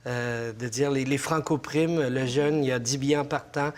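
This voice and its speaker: A man's voice: medium pitch, steady tone, moderate pace. A man speaking as an educator guest on a panel, explaining his view through worked examples with frequent hesitations. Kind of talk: panel discussion.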